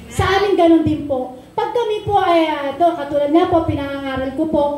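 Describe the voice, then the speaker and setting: A woman's voice: sits high, a little fast, dark tone. A woman pastor, preaching an impassioned sermon that slips into sung lines. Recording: very echoey room with faint noise.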